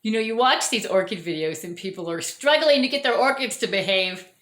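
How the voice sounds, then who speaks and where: An orchid grower walks through her plants in a casual show-and-tell vlog, chatty and lively, with a swooping, mid-range voice and a fairly quick pace. She often corrects herself, and her voice is fraying from overuse. The echoey indoor room is in her home.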